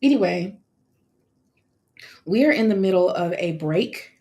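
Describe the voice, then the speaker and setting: Chatty, animated woman with a lowish voice. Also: a little slow. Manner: chatty and animated, with frequent laughs and fillers. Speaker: online course creator hosting a live co-working session. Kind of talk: casual live-stream walkthrough. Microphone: wearing her own microphone.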